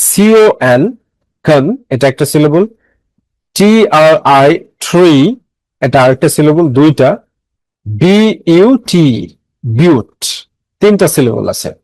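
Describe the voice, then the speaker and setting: A man's voice: a little high, mellow, no room sound, low-quality recording. A man teaching English grammar, explaining step by step, repeating phrases and quizzing his students, mixing English words into his talk. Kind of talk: classroom lecture.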